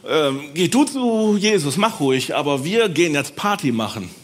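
A man's voice: fairly high pitch, very animated, moderate pace, pitched above the performer's own voice. A man voicing a carefree healed leper in a children's Bible story, breezy and drawn out.

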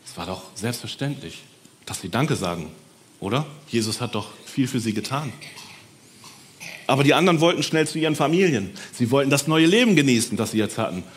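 Male storyteller, Bible tale for kids, lively and melodic, turns to listeners. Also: medium pitch, a little fast, a little hiss or hum. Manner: lively, addresses listeners directly.

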